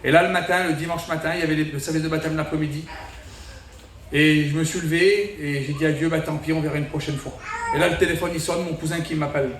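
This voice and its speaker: Man sharing a church testimony, high voice, far from the mic under a big tent. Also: steady tone, fast, a bit bright, a little hiss or hum. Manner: storytelling, quoting himself and others. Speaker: church member giving testimony. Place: large tent meeting. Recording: echoey tent, mic from a distance.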